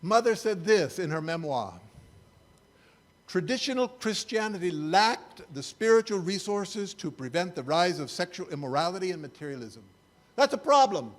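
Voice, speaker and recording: A man's voice: high-pitched, sing-song, normal speed. An older man, a church speaker, giving a sermon-style talk with slides in a wry, incredulous, conversational way.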